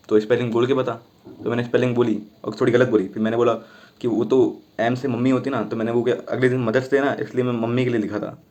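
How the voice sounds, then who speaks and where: Speaking at a medium pitch, a young man tells a casual story about something that happened at school when he was a kid. He's talkative and animated, voicing each person in the tale.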